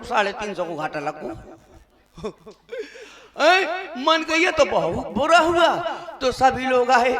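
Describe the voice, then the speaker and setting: Male Bundeli folk comic, very high and unhurried, rustic monologue over music. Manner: rustic, self-mocking, with laughs in the voice. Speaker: folk comedian. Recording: music backing behind the voice.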